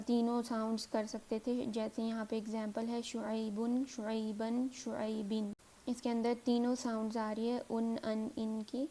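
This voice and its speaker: A woman teaching a grammar lesson as a recap, saying example words slowly three times over. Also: fairly high pitch, mellow.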